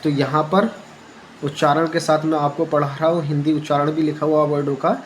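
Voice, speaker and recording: A man in a home-made lesson video explains how English letters are read, in a voice a little higher than usual. He is patient and repeats each rule, then asks it back to his listeners as a question. A faint background hum runs under the recording. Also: level tone, fairly quick, low-quality recording. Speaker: English teacher. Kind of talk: Hindi phonics lesson for beginners.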